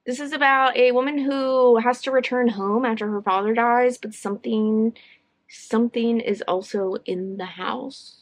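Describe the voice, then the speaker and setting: A woman with a bright, high-pitched voice chats casually to camera as a book vlogger. She is upbeat and talkative, and she wanders through her thoughts with plenty of fillers. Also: fairly even intonation, unhurried. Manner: chatty and upbeat, rambling with fillers. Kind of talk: casual chat.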